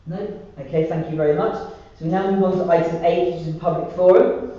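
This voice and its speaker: A very echoey, muffled recording of a man chairing a formal meeting. His voice is a little high for a man and mellow, and he speaks courteously in halting phrases. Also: fairly even intonation. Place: indoor parish council meeting room. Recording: muffled, echoey room, distant mic, faint noise.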